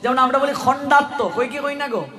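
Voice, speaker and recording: Man, very high voice, unhurried spelled-out teaching, long hall reverb. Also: fairly even intonation, pushed and bright. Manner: spells words out letter by letter, chuckling asides. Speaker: religious speaker teaching pronunciation. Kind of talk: spoken lesson to an audience.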